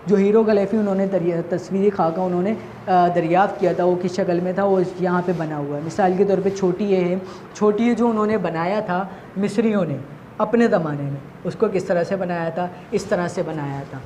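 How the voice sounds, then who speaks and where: Low-voiced Pakistani teacher explaining patiently. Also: female voice, dark tone. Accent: Pakistani Urdu. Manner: asks questions and answers them herself, repeats key points. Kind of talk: recorded class lesson for children. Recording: faint background noise.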